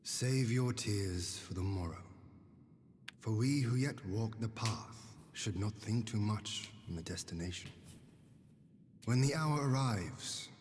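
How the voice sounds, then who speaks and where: Grave noble lord, reverberant. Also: male voice, fairly low pitch, darkish tone, slight background noise. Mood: solemn, reflective. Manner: formal, archaic, deliberate. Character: noble male lord and leader, grave, composed, stirring. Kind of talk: video game voice acting. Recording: long hall reverb, faint music.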